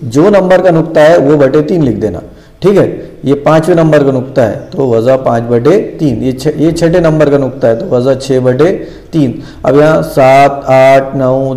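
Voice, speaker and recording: A man's voice: medium pitch, warm tone. A man teaching a math lesson, patiently repeating each step and answering his own questions.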